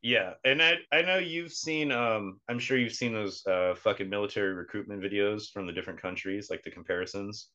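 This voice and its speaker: A man's voice: on the low side, brisk, few pauses, bright, forceful tone, lo-fi sound. A man co-hosting a podcast in casual chat, blunt and profane, laughing often. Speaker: podcast co-host.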